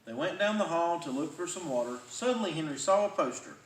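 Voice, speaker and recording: A man reading a children's storybook aloud in an animated way. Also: on the high side, fairly quick. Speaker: firefighter reading a children's book. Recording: roomy, distant mic, faint noise.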